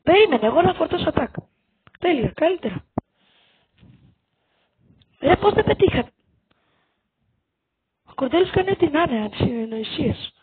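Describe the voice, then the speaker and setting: Very high voice, tinny phone-like audio. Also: dry recording. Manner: excitable, repeats phrases over and over; quick exclamations and shouted orders to teammates. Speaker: gamer. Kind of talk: live gameplay commentary.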